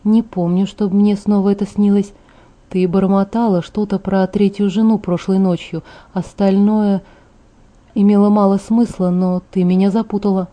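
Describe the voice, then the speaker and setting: A quiet, gentle young man speaks slowly and evenly, his voice mellow and warm, as a woman narrator puts him on. He sounds calm and measured, with no hurry at all. It is an audiobook reading. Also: mid-range voice, close to an everyday voice.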